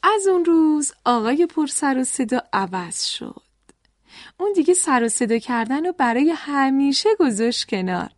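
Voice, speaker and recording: A woman telling a children's story in a lively way, addressing the young listeners directly. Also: sits high, no echo, studio quality. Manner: animated, talks straight to the children.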